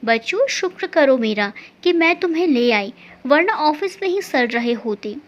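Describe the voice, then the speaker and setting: A woman's voice: high voice, expressive, normal speed, pitched below the performer's own voice. A woman voicing a cheerful, mischievous young daughter talking playfully with her mother. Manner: playful, coaxing. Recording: dull lo-fi recording.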